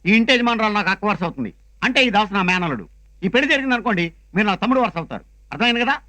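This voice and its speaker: A man playing a boastful, talkative comic uncle in a film comedy scene, rattling off fast patter. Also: high voice, animated, pushed and bright. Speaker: comic relative Narayana in a film.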